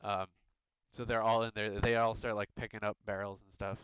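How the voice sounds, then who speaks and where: A man runs a tabletop game, narrating in a smooth, resonant, low voice with loose, rambling fillers. The mic is dry and close but dull and lo-fi. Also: little pitch movement, a little fast, fairly bright tone, no room sound. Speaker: game master.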